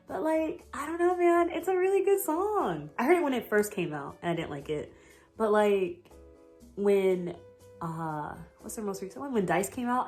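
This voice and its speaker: A young American woman chatting casually in a vlog, rambling and gushing with lots of fillers and giggles. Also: medium pitch. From United States. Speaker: vlogger. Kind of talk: casual chat.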